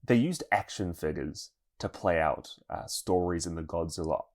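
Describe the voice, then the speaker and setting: Low-voiced man hosting a casual podcast. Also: normal speed, a little mellow. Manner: chatty, laughs while reading news. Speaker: podcast co-host.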